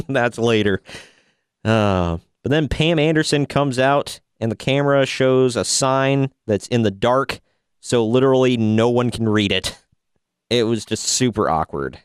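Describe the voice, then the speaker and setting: A man's voice: medium pitch, a little slow, clear, resonant tone, dry recording, studio quality. A man co-hosting a podcast, giving a sarcastic, rambling recap in casual chat. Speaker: podcast co-host.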